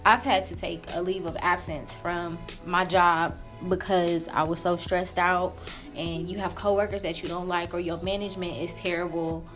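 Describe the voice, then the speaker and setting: A woman's voice: lowish voice, flat delivery, moderate pace, a bit bright, faint music behind. A woman co-hosting a podcast in casual chat, talking in a candid, colloquial and emphatic way. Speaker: podcast co-host. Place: room in a library.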